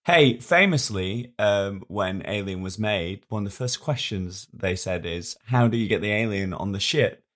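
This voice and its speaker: A man's voice: fairly low pitch, animated, unhurried, few pauses, fairly bright tone. A man co-hosting a podcast in casual, jokey, rambling chat. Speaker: podcast co-host.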